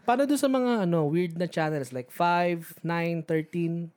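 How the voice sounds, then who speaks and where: A man's voice: a little high, animated, unhurried, darkish tone. A young man co-hosting a podcast, chatting casually and laughing often as he reminisces. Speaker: podcast co-host. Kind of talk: casual chat.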